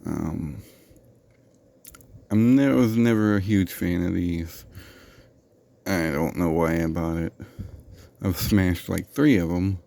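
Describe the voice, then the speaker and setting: Slow, gravelly-voiced man unboxing a fan. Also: low-pitched, dark tone, no echo. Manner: dry, sarcastic asides; rambling, with fillers and self-corrections. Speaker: host of a product unboxing show. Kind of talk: casual unboxing commentary.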